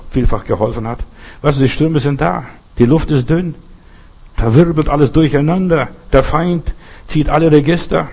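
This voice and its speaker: Older husky preacher man. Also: medium pitch, a little mellow, rough recording. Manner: addresses listener directly with repeated "weißt du"; emphatic rhetorical repetition. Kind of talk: sermon.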